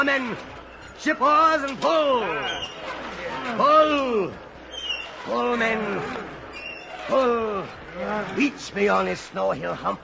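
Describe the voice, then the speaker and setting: Brooding old whaling captain, slow theatrical delivery, gravelly, haunted, noisy vintage radio play recording. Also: male voice, very high voice, lo-fi sound, full character voice. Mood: commanding, frenzied. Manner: theatrical, halting, repeating phrases. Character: obsessed, weary old whaling captain Ahab, brooding and tormented. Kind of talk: old time radio drama acting.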